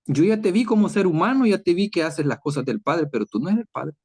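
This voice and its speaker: A man's voice: high voice, animated, fairly quick, a little mellow, breathy edge. Conversational man preaching to an online chat. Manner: acts out dialogue with Jesus and scripture. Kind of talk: online Bible teaching.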